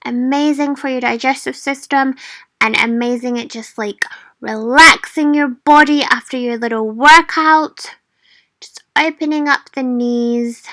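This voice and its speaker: A woman leads a workout as a fitness instructor. Her voice is fairly high and clearly bright, recorded dry and close. She cheers listeners on with informal, motivational encouragement. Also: steady tone, measured pace, dry recording. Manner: addresses listeners informally as a group. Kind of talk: guided workout instruction to viewers.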